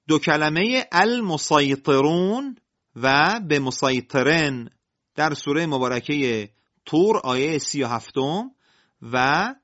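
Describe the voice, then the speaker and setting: A man's voice: on the high side, a bit bright, dull audio. A man teaching Quran recitation rules, going through numbered points one by one in a careful explanatory lecture. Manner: methodical, enumerating points one by one.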